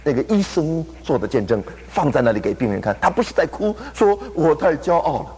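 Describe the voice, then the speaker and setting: Husky-voiced man preaching in a hall. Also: on the high side, brisk. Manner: animated storytelling, acting out the people he quotes. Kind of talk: sermon with a retold story. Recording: long hall reverb.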